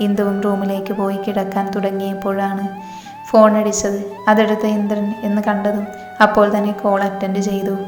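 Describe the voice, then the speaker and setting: Woman narrating a story in a flat, steady voice. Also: mid-range voice, fairly quick. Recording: echoey reverberant room, faint music.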